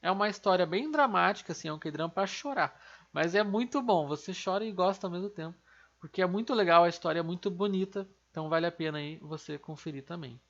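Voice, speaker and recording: A woman's voice: fairly low pitch, fast, lo-fi sound. A woman teaching an online language lesson, explaining step by step and asking and answering her own questions.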